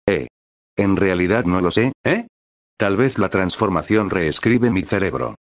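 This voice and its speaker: A man's voice: sits low, animated, unhurried, dry recording, studio quality. A man voicing a laid-back, furry electric alien in a story reading. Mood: casual.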